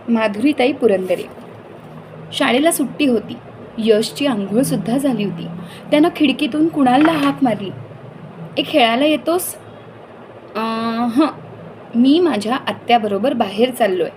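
A woman reading a picture book aloud to children, lively and talking to them directly as she goes. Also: mid-range voice, slight background noise. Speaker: children's storyteller.

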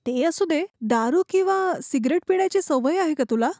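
A woman playing a teasing high-voiced girlfriend. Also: lively intonation, normal speed, a little mellow, no room sound, studio quality. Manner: teasing and playful. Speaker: girlfriend in a short film. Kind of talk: short film acting.

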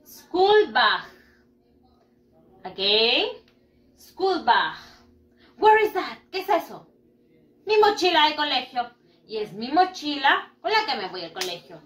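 A woman teaching English to schoolchildren, going slowly through repeat-after-me drills and mixing English and Spanish with frequent praise. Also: sits high, big pitch swings, a bit bright. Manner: slow, drawn-out drilling with repeat-after-me prompts; switches between English and Spanish, praising often. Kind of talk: bilingual classroom teaching video. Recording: echoey room, mic at a distance.

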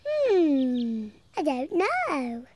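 A woman's voice: high voice, huge pitch swings, drawn-out words, a little mellow, slight background noise, exaggerated voice. A woman voicing a cheerful little girl piglet in a cartoon, bubbly and giggly, a little bossy. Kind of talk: cartoon voice acting.

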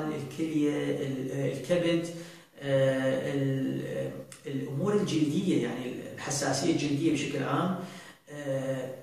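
A man's voice: on the high side, vocal fry. Hesitant man in a very echoey room. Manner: hesitant, many drawn-out fillers and restarts. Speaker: astrologer answering viewer questions. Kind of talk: casual talk show monologue. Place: indoor studio set at a desk. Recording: very roomy, from far off the mic.

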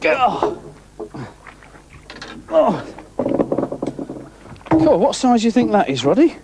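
A man's voice: very high voice, takes it slowly, heavy background noise. A middle-aged man hosting an angling show, chatting and commenting on the catch as he fishes from a boat at sea. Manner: chatty, excitable, talks while fishing. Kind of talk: casual on-location commentary.

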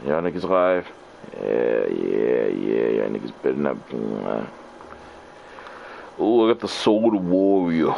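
A man's voice: very deep voice, very animated, measured pace, creaky, muffled recording, slight background noise. A man commentating his live gameplay, trash-talking opponents in loose, profane slang. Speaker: game streamer.

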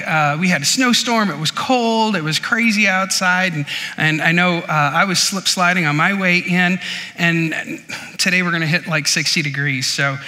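A man's voice: high-pitched, pushed and bright. A man preaching a sermon as pastor, in a chatty, casual way with many fillers and restarts. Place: church sanctuary. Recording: long reverb of a church hall.

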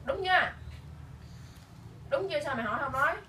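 A woman's voice: sits high, lively intonation, brisk, sharp tone. A mother, sternly scolding her child at home with question after question, filmed by a camera some distance away. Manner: stern, firing repeated questions. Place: room at home. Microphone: camera held by someone else some distance away. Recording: echoey room from a distance, faint hiss.

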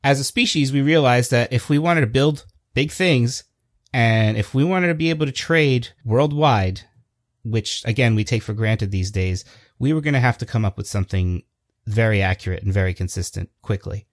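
A man's voice: mid-range voice, normal speed, no room sound, clean studio sound. Easygoing man co-hosting a podcast. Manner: easygoing, explanatory. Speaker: podcast co-host. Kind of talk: casual chat.

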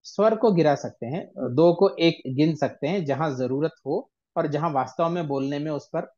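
A man's voice: a little high, moderate pace, darkish tone, muffled recording. Man patiently counting out verse syllables. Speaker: ghazal teacher. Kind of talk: online workshop lesson.

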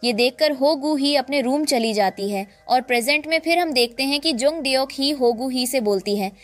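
A woman narrating a drama recap in a lively storytelling way, acting out the quoted lines. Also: high voice, moderate pace, faint music behind.

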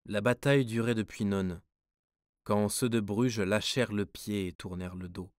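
A man reading prose poems aloud as an audiobook narrator, measured and expressive. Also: lowish voice, no room sound, studio quality. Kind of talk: scripted literary narration.

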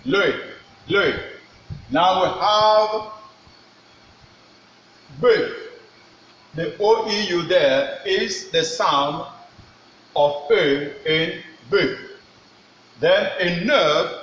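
A middle-aged man gives a pronunciation lesson at a slow, deliberate pace. His fairly high voice rings in an echoey room. He drills by repetition and puts questions to the learner. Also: fairly bright tone. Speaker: French teacher. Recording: echoey room, dull sound, faint noise.

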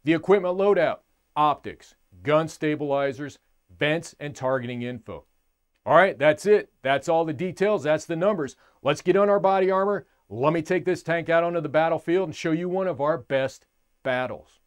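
A middle-aged American man narrates a scripted game review as its host. His voice is a little high for a man, and his phrasing has a military cut to it. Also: moderate pace.

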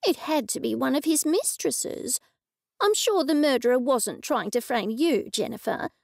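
A woman voicing an excitable, fussing female friend in a high, shrill, fretting voice. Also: moderate pace, creaky, no room sound, studio quality, heavily acted. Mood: probing.

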